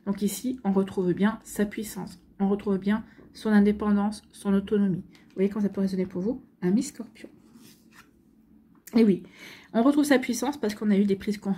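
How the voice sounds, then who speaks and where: Female card reader, soft-edged husky tone, gentle and reassuring guide. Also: mid-range voice. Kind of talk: intuitive card reading addressed to the viewer.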